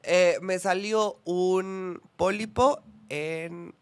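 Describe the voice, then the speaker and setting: A young Mexican man with a fairly high voice tells his story with playful, camp flair. The sound is dry and close, with no room in it. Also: steady tone, extremely slow, smooth, dry recording. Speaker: podcast guest. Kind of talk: casual storytelling chat.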